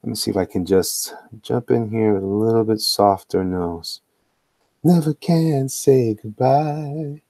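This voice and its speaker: A man's voice: lowish voice, fairly even intonation, moderate pace, gravelly, few pauses, a little mellow, no echo. A middle-aged man with a New York accent, chatting casually and playfully on a live stream as he draws, rambling and repeating his phrases. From the Bronx, New York. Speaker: artist hosting a live drawing stream. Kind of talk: casual live-stream chat while drawing. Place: indoors at a tabletop.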